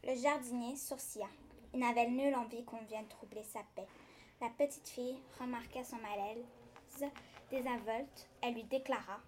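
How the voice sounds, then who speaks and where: A woman narrates a children's story gently and evenly. Her voice sits a little high, with faint room ambience behind it. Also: steady tone, moderate pace, slight background noise. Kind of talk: storybook reading.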